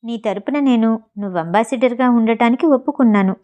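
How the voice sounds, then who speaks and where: Brisk female manager, read by a woman. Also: fairly high pitch, darkish tone, close to an everyday voice. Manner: brisk, businesslike.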